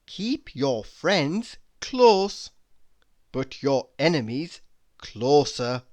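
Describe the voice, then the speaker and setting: Tongue-in-cheek motivational quotes are read out loud, extremely slowly and with theatrical deliberateness. Pitch rises and falls lively, and noticeable pauses break up the phrases.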